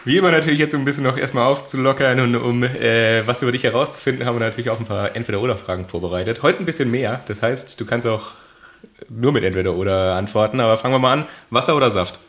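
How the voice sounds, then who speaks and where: A man's voice: mid-range voice, quick pace, a bit bright. A man co-hosting a podcast interview, chatty, laughing often as he asks questions. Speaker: podcast co-host.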